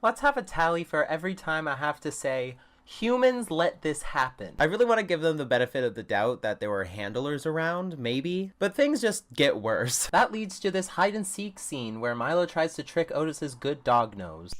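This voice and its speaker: A woman's voice: deep voice, big pitch swings, moderate pace, hardly any pauses. A woman hosting a livestream, giving sarcastic, dry running commentary on a movie. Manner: sarcastic, dry, incredulous asides. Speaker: livestream host reviewing a movie.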